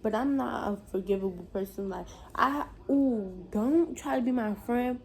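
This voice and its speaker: A young woman tells a casual storytime to her viewers, animated and slangy. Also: a little high, normal speed. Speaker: vlogger.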